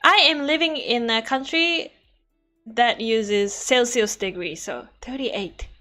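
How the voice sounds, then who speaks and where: Bright, high-voiced woman streamer, playful. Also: slow, soft background music. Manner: animated, playful, expressive reactions. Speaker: VTuber streamer reading chat. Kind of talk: casual livestream chat while studying Spanish.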